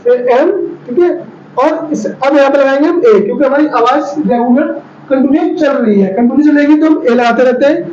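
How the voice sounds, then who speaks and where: Male teacher with a high voice, drilling children on spelling, checking often that they follow, recorded in a roomy space on dull audio. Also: normal speed, darkish tone, a little hiss or hum. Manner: stretches out syllables when sounding out names.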